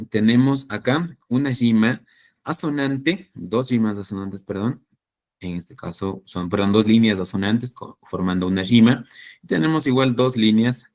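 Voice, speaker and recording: An Ecuadorian man lecturing to a class in a fairly low voice. He explains patiently and keeps checking that the students follow. He corrects himself as he goes. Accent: Ecuadorian Spanish. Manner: explanatory, with frequent checking questions and self-corrections. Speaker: teacher.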